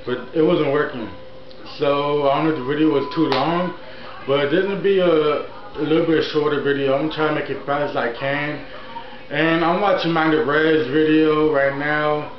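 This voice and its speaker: A man in his early twenties hosts his YouTube channel from a room at home where a TV is playing, telling a personal story in a casual, meandering way and repeating himself a lot. His fairly high voice stays steady at a normal speed, and the audio is echoey and dull with slight noise.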